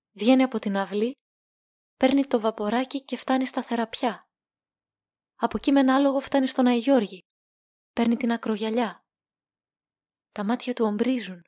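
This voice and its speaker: A woman narrating a literary short story as an audiobook, reading in a measured, calm way. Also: on the high side, no echo, studio quality.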